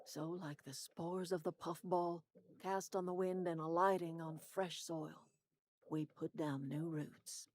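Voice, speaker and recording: An actress plays a grandmotherly older woman, a proud herbalist leading outcasts in a video game. Her voice is slightly low. She speaks with measured dignity and folksy turns of phrase. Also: steady tone, darkish tone, lightly acted. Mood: solemn, proud.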